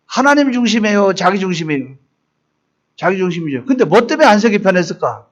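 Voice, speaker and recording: A man's voice: high-pitched, sing-song, quick pace, lo-fi sound. A man preaching a midweek evening sermon as pastor, rising into emphatic voiced quotes.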